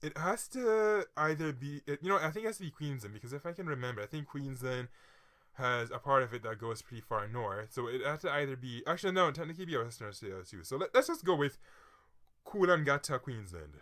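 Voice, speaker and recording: A man reading out a quiz and thinking aloud about his answers, chatty and self-mocking, with quick mutters and sudden excited outbursts. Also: mid-range voice. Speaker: quiz vlogger.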